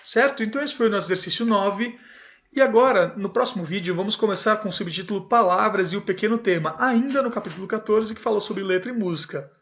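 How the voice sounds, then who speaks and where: A man's voice: high voice, fast, a bit bright, lo-fi sound. A man teaching music, reading a textbook passage by passage and explaining each one in a casual tone. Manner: reads passages aloud, then explains them in a casual tone.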